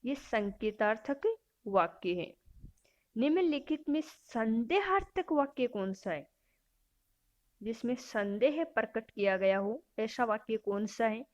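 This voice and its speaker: Lady teacher reading out quiz options then explaining the answer, talks slow. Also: on the high side, animated. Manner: self-correcting. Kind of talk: exam-prep grammar lesson.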